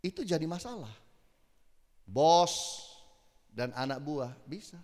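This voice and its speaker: A middle-aged man preaches in a lively, conversational manner, slipping into brief acted exchanges. His voice sits high for a man. Long reverb from a large church hall trails behind his words. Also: slow. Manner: animated, conversational, acts out quotes. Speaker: pastor. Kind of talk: sermon.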